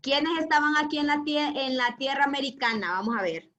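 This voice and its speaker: A woman's voice: sits high, expressive, fairly quick, a bit bright. A woman teacher giving an online class, patient and affectionate, asking the class questions.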